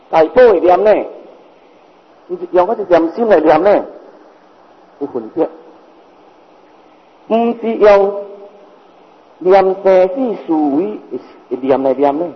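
A man's voice: sits high, animated, takes it slowly, long pauses, breathy edge. An older man with a Hokkien-influenced Mandarin accent giving a Buddhist sermon as a master, repeating points and asking rhetorical questions. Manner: repetitive, explains with rhetorical questions. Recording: reverberant, dull lo-fi hall recording.

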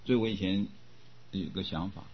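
An older man giving a Buddhist dharma talk as teacher, often coughing and clearing his throat, repeating words as he goes. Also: sits low, brisk, slight background noise. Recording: dull lo-fi recording.

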